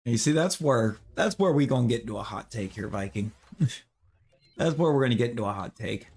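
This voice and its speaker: A man's voice: medium pitch, expressive, normal speed, a little mellow. Opinionated man chatting while gaming. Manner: opinionated, talks to chat viewers; rambling with restarts and fillers. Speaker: streamer. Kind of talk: casual chat while gaming.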